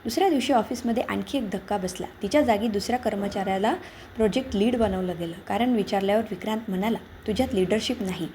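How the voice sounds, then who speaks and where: A woman narrating a scripted story in a calm, measured way. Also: mid-range voice, slight background noise.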